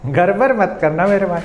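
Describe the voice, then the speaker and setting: A man on works through a chemistry problem on a board. He explains each step, often checks whether his students follow, and slows right down when he dictates. The room is echoey, with a faint hum behind him. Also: sits high. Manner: dictates slowly while writing. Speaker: chemistry teacher. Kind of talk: whiteboard lesson.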